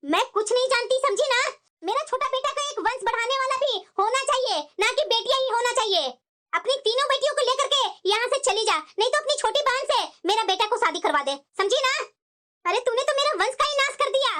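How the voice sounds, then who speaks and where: A shrill, very high cartoon mother-in-law, as a woman acts her out. She is bossy and cruel and hammers her demands again and again in a bright, piercing voice. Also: expressive, quick pace, full character voice. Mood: scolding. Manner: domineering, repeats demands. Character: harsh scolding older mother-in-law. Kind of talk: cartoon voice acting.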